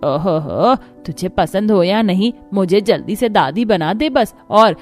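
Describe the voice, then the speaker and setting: A woman's voice: medium pitch, lively intonation, unhurried, soft background music, lightly acted. A woman voicing a bossy mother-in-law who dotes on her grandson in a cartoon story. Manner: bossy, doting.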